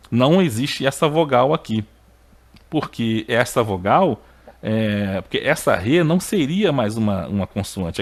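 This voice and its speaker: A male Hebrew teacher presents a video lesson on biblical Hebrew with an emphatic style. He frequently adds short checking tags, and his pitch springs up when he underlines a point.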